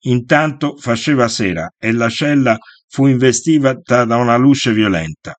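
A man's voice: mid-range voice, lively intonation, normal speed, no room sound. Man reading a memoir, dry close sound. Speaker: narrator. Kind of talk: first-person memoir reading.

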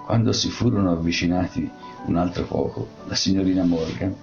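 A man narrating a story aloud in a measured way, with small restarts. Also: low-pitched, fairly even intonation, creaky, darkish tone. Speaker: audiobook narrator. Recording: dull lo-fi audiobook with faint music.

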